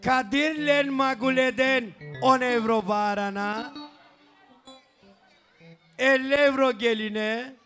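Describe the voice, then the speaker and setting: A man with a strikingly high voice booms out announcements at a wedding party. He stretches his calls slowly, counts out gifts of money and banters with the guests. Music plays behind him. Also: fairly even intonation, bright, forceful tone. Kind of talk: loud festive announcement of gifts, counting sums aloud. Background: celebration music.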